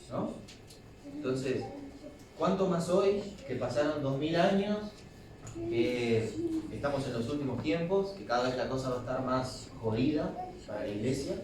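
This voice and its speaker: Uruguayan preacher in an echoey church. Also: male voice, mid-range voice, far from the mic, background noise. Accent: Uruguayan Spanish. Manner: conversational, with acted-out quotes and restarts. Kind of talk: sermon. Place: church hall.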